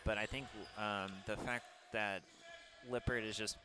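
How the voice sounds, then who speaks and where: A man's voice: on the low side, fairly even intonation, measured pace, noisy background. Chatty Minnesota man commentating handball. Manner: chatty, rambling, full of fillers. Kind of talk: casual sports commentary.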